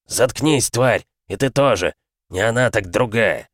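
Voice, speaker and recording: A man voicing a cruel middle-aged father who snarls insults in a loud, raised voice. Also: lowish voice, expressive, unhurried, no room sound, studio quality, pitched above the performer's own voice. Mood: raging.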